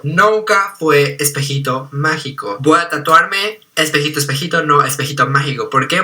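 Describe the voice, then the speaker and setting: Bright-voiced young man ranting. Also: on the high side. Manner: animated, jokey, mixes in English slang. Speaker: YouTuber. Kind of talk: comic conspiracy rant to camera.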